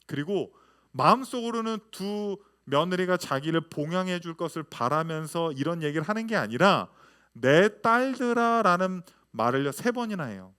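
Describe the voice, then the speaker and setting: A man in his thirties, a pastor, preaching a lively sermon full of rhetorical questions to his congregation. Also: on the high side, normal speed, clear, resonant tone.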